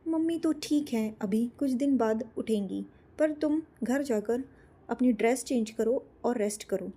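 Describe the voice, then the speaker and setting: A woman voicing a tender young woman, a grieving older sister who speaks softly and caringly. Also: fairly high pitch, a little slow, breathy edge.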